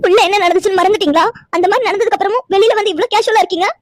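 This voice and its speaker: A woman plays a young cartoon heroine who is heartbroken and furious, firing accusing questions at her lover. The voice is very high and rattles along at a racing clip. It is dry, close and free of room sound. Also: very fast, no room sound. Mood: upset. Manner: accusing, tearful, insistent questions. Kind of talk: cartoon voice acting.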